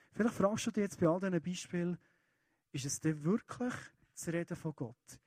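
A man with a Swiss German accent preaching a sermon, talking to the congregation in an earnest, conversational way. His voice sits a bit higher than most men's, and the recording is dry and close. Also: warm tone, no room sound. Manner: earnest and conversational, addressing listeners directly.

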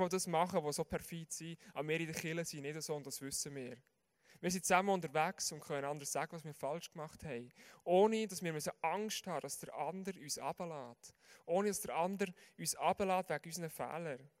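Man, Swiss German accent, sermon, earnest, direct questions, fairly high voice. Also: a little fast. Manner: earnest, speaks straight to the listeners with questions. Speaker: preacher.

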